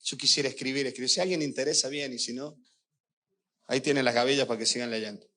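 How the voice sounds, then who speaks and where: A man's voice: medium pitch, steady tone, quick pace, sharp tone. An older man preaching a sermon as a pastor, telling personal stories with emotion and speaking straight to the congregation. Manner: emotional, storytelling, addresses the congregation directly.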